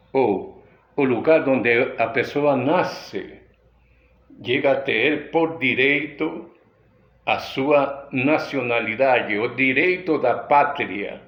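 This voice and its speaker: A man from Peru, a pastor with a Peruvian Spanish accent and Spanish as his first language, giving a deliberate, unhurried sermon. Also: medium pitch, lo-fi sound. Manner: unhurried, deliberate teaching delivery with frequent pauses.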